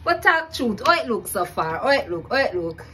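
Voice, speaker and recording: A woman's voice: a little high, big pitch swings, normal speed, sharp tone, slight background noise. A young woman with a Jamaican accent chatting casually as she cooks in her home kitchen, repeating herself and laughing at her own efforts. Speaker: cooking vlogger. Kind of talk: casual cook-along chat.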